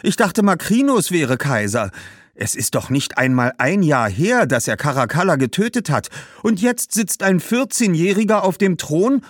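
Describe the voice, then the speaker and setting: A woman's voice: fairly low pitch, sing-song, moderate pace, dry recording, clean studio sound, pitched above the performer's own voice. A man voicing Herodias, a weary Roman woman who meets news with disbelief. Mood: skeptical. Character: skeptical, weary Roman woman, quick to sigh.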